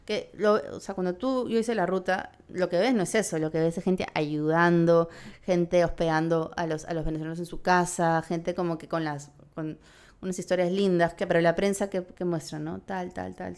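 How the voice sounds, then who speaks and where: Smooth-voiced Peruvian woman, rambling. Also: fairly low pitch, steady tone, normal speed, a little mellow. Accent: Peruvian Spanish. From Peru. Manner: rambling, full of tag questions and restarts. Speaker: documentary filmmaker guest. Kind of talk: casual interview chat.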